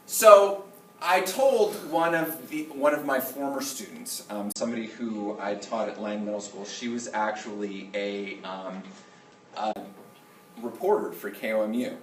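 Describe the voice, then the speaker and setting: Give the voice of a male schoolteacher talking informally to his class in stops and starts. He sounds distant from the mic in an echoey room, and he keeps checking that everyone follows. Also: lowish voice. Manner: halting, repeats okay to check attention. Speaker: middle school teacher. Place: indoor classroom with students. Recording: roomy classroom, distant mic, faint noise.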